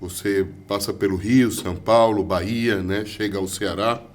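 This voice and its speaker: A man's voice: on the low side, steady tone, normal speed. A man hosting an interview, speaking conversationally with frequent tag questions. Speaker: interview host.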